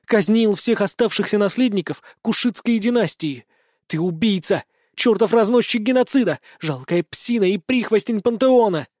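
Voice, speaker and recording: A man's voice: high voice, expressive, normal speed, a little mellow, dry recording, clean studio sound, pitched above the performer's own voice. A man voicing a fierce, hot-tempered young she-wolf woman who snarls and hisses. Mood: furious. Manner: snarling, furious, hissing.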